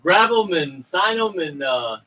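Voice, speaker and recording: Bright-voiced joking man on a livestream. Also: sits high, lively intonation, a little slow. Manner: joking, teasing, rambling. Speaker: livestream co-host promoting a crowdfunding campaign. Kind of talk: casual comic livestream banter.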